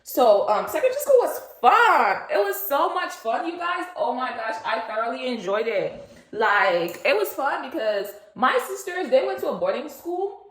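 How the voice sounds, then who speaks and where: A woman's voice: high-pitched, big pitch swings, normal speed, fairly bright tone. Chatty young woman in an echoey room. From Nigeria. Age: 20s. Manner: rambling, chatty, lots of fillers and asides. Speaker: vlogger. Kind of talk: casual chat, get-to-know-me story.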